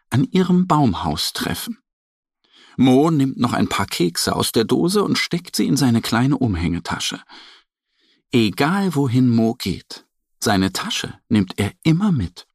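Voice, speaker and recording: A man narrating a children's story in a very expressive, sing-song storytelling manner. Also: medium pitch, breathy edge, no room sound, studio quality.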